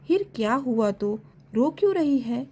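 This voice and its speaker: Woman voicing a cheerful young girl student, friendly and coaxing, high voice, storybook reading. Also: animated, measured pace, warm tone, breathy edge.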